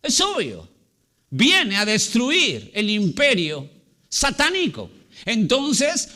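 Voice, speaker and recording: A man pastor preaching a Sunday sermon to his congregation. He asks rhetorical questions, repeats key words and slows down to stress them. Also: very high voice, pushed and bright. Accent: Latin American Spanish. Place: church.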